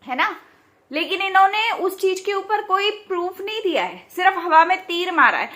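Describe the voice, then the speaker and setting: A young woman, very high-pitched and bright, talks straight to her viewers in a casual vlog. She scolds and fires off rhetorical questions, sharp and indignant. Her voice stays clear and forward. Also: animated, normal speed. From India. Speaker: YouTube commentator. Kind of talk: casual reaction vlog, ranting to camera.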